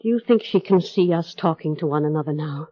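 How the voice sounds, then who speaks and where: An actress whose voice sits low, recorded dry, gives a slow, deliberate, coldly insinuating turn as a menacing housekeeper obsessed with her late mistress. The piece is 1930s radio drama acting. The old radio recording is muffled, with music.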